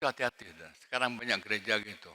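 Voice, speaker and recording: A male pastor preaching a sermon, swinging between shouted emphasis and quiet asides. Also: lowish voice, rapid-fire. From Indonesia. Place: large church hall. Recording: long hall reverb.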